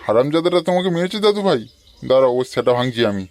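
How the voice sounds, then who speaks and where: Brief: a man as an old cartoon grandpa, medium-pitched, coarse yet doting, talking quickly. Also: lively intonation, darkish tone, dry recording, lightly acted. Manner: coarse but affectionate.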